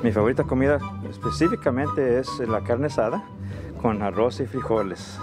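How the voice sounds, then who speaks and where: A man's voice: medium pitch, moderate pace, music in the background. A man from Jalisco with a Mexican Spanish accent, answering politely. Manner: polite and courteous. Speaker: interviewee.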